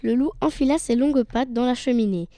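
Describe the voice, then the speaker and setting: A woman reads a fairy tale calmly and steadily. Her tone is soft and mellow, pitched a little high. The sound is dry and close to the mic. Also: brisk, dry recording. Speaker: storyteller. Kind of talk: storybook narration.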